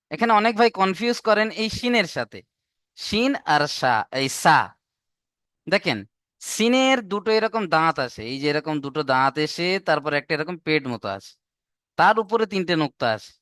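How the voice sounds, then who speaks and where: High, clear-voiced man teaching letters. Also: a bit bright, no echo, clean studio sound. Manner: patient, repeats letters and drawn-out sounds, quizzes students. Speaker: Quran reading teacher. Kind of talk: online Arabic alphabet lesson.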